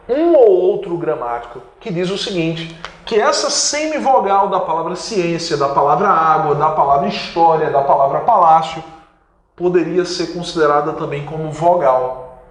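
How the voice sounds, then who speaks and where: Recorded with reverb, this fairly high, expressive male voice moves at a measured pace. A Brazilian Portuguese-accented teacher, he delivers an emphatic online grammar lesson for exams, stretching key words and responding to his own questions.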